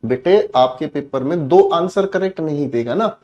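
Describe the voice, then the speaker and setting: A man teaching a classroom lesson, explaining with loud shouted example commands and calling the students "beta". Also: on the high side, animated, moderate pace, highs cut off.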